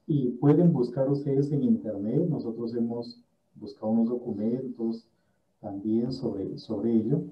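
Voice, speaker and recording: A man of average pitch lectures in a careful, step-by-step way, pausing to give examples as he teaches a Bible study group. He sits some distance from the microphone in a roomy space. The sound is dull and muffled. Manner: measured, explains step by step with examples. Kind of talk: explanatory lecture.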